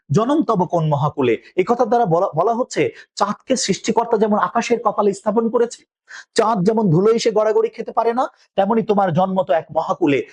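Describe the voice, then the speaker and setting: A man's voice: high voice, darkish tone, husky, dry recording. A man teaching a poem, reciting verse lines and then explaining them, asking his class questions and answering them himself.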